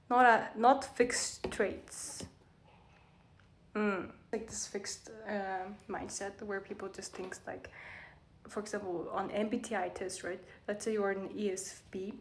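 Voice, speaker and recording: A young adult woman, a native Mongolian speaker with a Mongolian accent, has a mid-range voice, and there is a little hiss or hum. As a vlogger, she casually reads aloud and comments in a rambling way, correcting herself as she goes.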